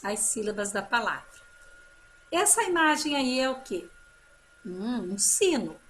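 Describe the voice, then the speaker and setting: A woman teacher leads a slow children's phonics lesson, stretching out each example word. Her voice is bright and fairly high, and it rises and falls a great deal as she encourages the class. A faint noise sits behind her. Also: big pitch swings. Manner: slow drawn-out model words, encouraging teacher talk.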